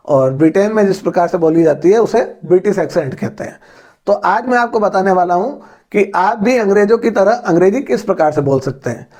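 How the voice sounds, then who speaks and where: Casting: male English teacher, Hindi native, high and mellow voice, patient explainer. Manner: slow, careful, explaining step by step. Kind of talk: spoken-English lesson.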